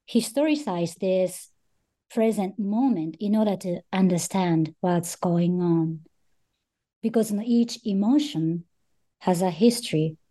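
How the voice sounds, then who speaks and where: A woman's voice: medium pitch, mellow. A middle-aged woman from Japan, an author speaking in an interview, thoughtful and hesitant with frequent ums. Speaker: guest author. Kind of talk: interview conversation.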